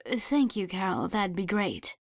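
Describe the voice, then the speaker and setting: A woman reading the part of a young heroine, soft-spoken and a little unsteady. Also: mid-range voice, very animated, measured pace, gravelly, dry recording, clean studio sound. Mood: weak. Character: young woman, shaken and self-conscious heroine.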